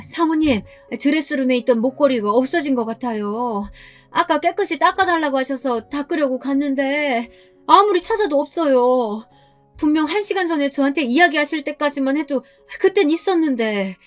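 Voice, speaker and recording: A woman's voice: high voice, lively intonation, moderate pace, soft background music. Woman voicing a flustered housekeeper, hesitant and deferential. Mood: worried polite. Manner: hesitant, polite. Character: flustered middle-aged female housekeeper.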